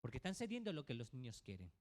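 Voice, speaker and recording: A man's voice: mid-range voice, huge pitch swings, quick pace. A male pastor preaching a sermon to his congregation, asking many rhetorical questions. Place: church. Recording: reverberant church hall.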